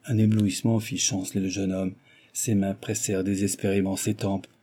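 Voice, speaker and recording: A man's voice: sits low, little pitch movement, moderate pace, warm tone, husky. A man narrating a novel aloud in a dramatic storytelling delivery. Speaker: audiobook narrator.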